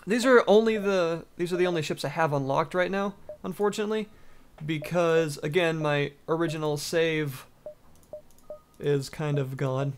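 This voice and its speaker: A gaming video host with a slightly high voice gives casual, enthusiastic, rambling let's-play commentary while playing a video game. There's a little hiss or hum in the audio.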